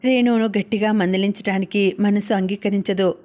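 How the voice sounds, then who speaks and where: A woman narrating a novel as an audiobook, reading in a steady, even way. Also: mid-range voice, moderate pace.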